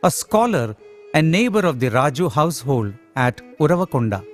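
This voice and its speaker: A man's voice: on the high side, sing-song, drawn-out words, faint music behind. A man reading a reverent scripted documentary narration.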